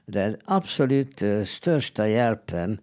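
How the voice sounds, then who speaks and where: A middle-aged man, a therapist, talking in a calm, measured way with frequent hesitations while giving advice in a casual conversation. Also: fairly low pitch.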